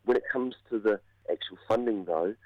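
Low, croaky New man with a cold. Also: dry recording. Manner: measured, halting, explanatory. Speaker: political commentator, university academic. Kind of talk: spoken analysis in a radio interview. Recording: dull, band-limited radio audio.

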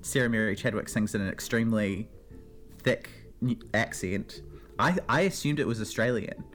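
A woman's voice: rumbling low, moderate pace, faint music behind. A woman with a New Zealand accent, a regular guest on a radio segment about words, chatting casually with many fillers and restarts.

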